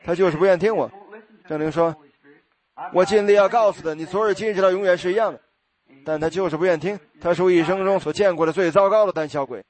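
A male preacher telling a story in a sermon, animated, acting out voices and bursting into shouts. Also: high-pitched.

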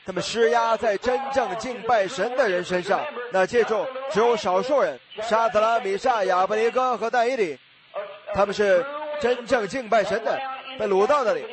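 A man's voice: high-pitched, normal speed, crowd noise. A man preaching a sermon with fervent exclamations and rhetorical questions.

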